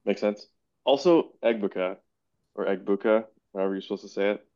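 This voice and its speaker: A man's voice: fairly low pitch, lively intonation, fast talker, mellow, no echo. A man hosting a casual sports podcast chat, thinking aloud and hedging his views, on a dull, dry lo-fi recording.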